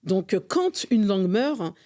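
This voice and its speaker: Appearing as a podcast guest, a middle-aged woman from France who serves as an association's vice-president speaks at a measured pace in a warm, mid-range voice with big swings in pitch. The interview is conversational, and she comes across as earnest and fervent despite frequent hesitations.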